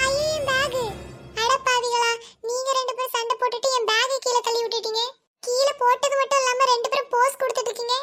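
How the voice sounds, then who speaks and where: Woman voicing a sharp-tongued teen cartoon girl, very high voice, scolding, complaining, Tirunelveli Tamil accent. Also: flat delivery, fast talker, soft background music. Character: grumbling teenage girl, sharp-tongued and fed up. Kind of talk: cartoon voice acting.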